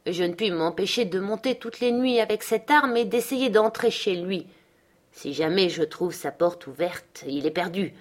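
A desperate man near madness makes dark threats, read by a woman. The voice stays low for a woman and loud. It is a menacing audiobook performance. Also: moderate pace, lightly acted.

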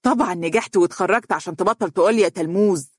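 The narrator voicing a cheerful, loud young Egyptian man who has just graduated and jokes quickly. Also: high-pitched, no echo, clean studio sound. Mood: lively. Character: cheerful boisterous young male engineer graduate.

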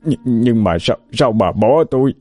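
A man's voice: lowish voice, measured pace, warm tone, no echo. A man voicing a tearful old village husband who stammers and pleads, with faint music behind. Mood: pleading tearful.

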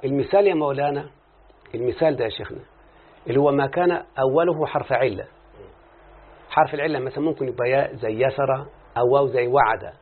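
Speaking at a medium pitch with a breathy edge, a man with an Egyptian Arabic accent leads a classroom grammar lesson. He explains using examples and often checks that the listener follows, and the recording sounds muffled, like a phone.

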